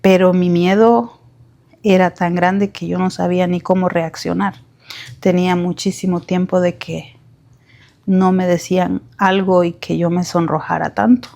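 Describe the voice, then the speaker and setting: Slow, heartfelt woman storyteller. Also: fairly low pitch, gravelly, a little mellow. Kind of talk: first-person emotional story narration.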